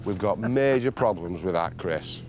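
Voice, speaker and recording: A man's voice: low-pitched, expressive, normal speed, darkish tone. A man who works as a dealer, bantering casually in a blunt, joking way. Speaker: dealer and bidder. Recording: music behind the voice.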